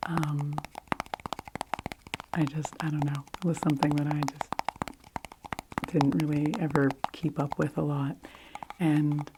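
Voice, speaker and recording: A middle-aged woman with a notably low voice talks in a soft, unhurried whisper, drifting through easy chatty asides. She is close on a sensitive microphone. A steady hiss sits clearly under her voice. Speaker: ASMR creator. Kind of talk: whispered ASMR rambling.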